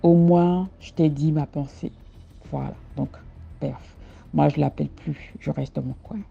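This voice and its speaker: A woman's voice: sits low, steady tone, a little slow, gravelly, husky. A woman telling her own story in the first person, emphatic and fond of repeating herself for effect, on a dull lo-fi recording. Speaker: caller sharing a personal story.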